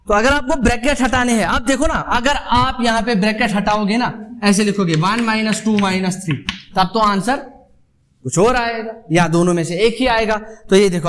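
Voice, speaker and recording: A male math teacher giving a classroom lecture, addressing students as "beta", mixing Hindi and English, and repeating points with rhetorical questions. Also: high voice.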